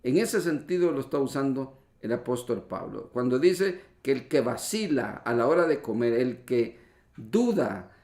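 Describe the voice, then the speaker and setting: A man's voice: medium pitch, very animated, a little slow, a little mellow. A man preaching a sermon who explains the meaning of words step by step and often calls his listeners brothers. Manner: teacherly, explains word meanings and spelling rules. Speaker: pastor. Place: church hall. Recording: echoey church livestream.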